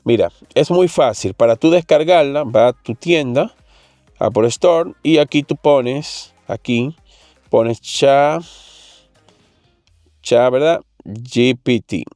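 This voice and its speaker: Male tech host, warm low-bright tone, dry close sound, chatty and direct with viewers. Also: takes it slowly, long pauses, no room sound, faint music behind. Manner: chatty, addresses the viewer directly with frequent fillers. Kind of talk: casual tech demo talking to viewers.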